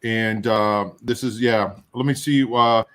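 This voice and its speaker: Middle-aged male host, runny nose, casual and halting, pokes fun at himself. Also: lowish voice, steady tone, a bit bright. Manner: rambling, halting, self-deprecating. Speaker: show host. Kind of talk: casual chat while tasting hot sauce.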